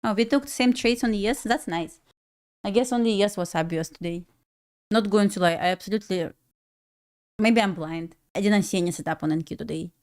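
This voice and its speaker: This chatty young Belarusian, whose native language is Russian and whose accent shows it, laughs frequently and talks to herself while day trading on a live stream. She speaks a little fast, with a medium pitch and a darkish tone.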